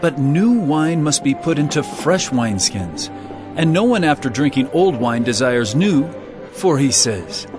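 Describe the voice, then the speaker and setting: A man's voice: mid-range voice, sing-song, a little slow, music in the background. A man playing Jesus as an authoritative, earnest teacher in a dramatized scripture recording, speaking in a declamatory, emphatic way. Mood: earnest teaching. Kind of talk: dramatized scripture audio acting.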